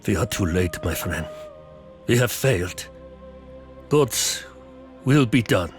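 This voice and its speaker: A man playing a solemn, resigned older physician in a gothic horror audio drama, speaking gravely and deliberately. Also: on the low side, lively intonation, faint music behind.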